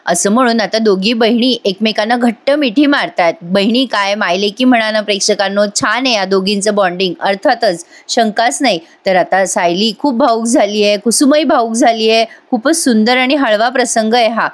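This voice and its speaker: A woman's voice: fairly high pitch, normal speed, few pauses. A woman narrating a voice-over recap of a TV serial, chatting with her viewers and acting out the characters' lines. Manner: retells scenes and acts out each character's lines; chatty, addresses viewers directly. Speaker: TV serial reviewer.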